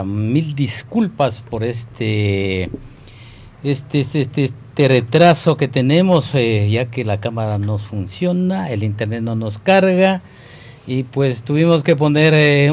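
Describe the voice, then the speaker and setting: A man's voice: medium pitch, animated, slow pace, darkish tone. Chatty male radio host. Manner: chatty, hesitant with many fillers. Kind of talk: casual live radio chat. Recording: faint background noise.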